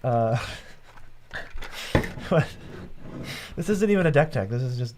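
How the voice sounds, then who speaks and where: A man's voice: mid-range voice, animated, slow pace, noisy background. Joking young man chatting on a stream. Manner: joking, laughing, puts on a gravelly Batman voice. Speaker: co-host. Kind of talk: casual livestream chat.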